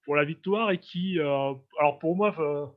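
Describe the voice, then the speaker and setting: A man hosting a casual interview over a video call, chatty and quick to laugh. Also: a little high. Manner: laughs often, relaxed and chatty. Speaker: host. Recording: muffled video-call audio.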